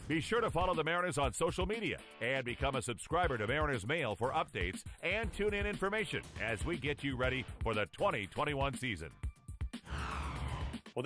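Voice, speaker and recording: A man's voice: on the high side, a bit bright. Upbeat male show host with music. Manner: upbeat, promotional sign-off. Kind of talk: scripted presenting. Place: studio set dressed as a clubhouse locker. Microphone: handheld mic.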